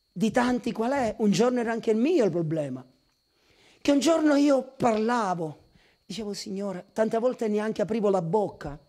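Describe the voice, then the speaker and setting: A man preaching a sermon as pastor. He moves between shouted exhortation and hushed asides, and he calls on the congregation to repeat phrases after him. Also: sits high. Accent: Italian. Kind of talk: Pentecostal-style sermon.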